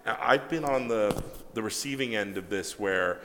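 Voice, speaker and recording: A man, a comic book writer, telling casual anecdotes in an interview, animated, acting out quoted dialogue and swearing freely. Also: fairly low pitch, moderate pace, long reverb tail, slight background noise.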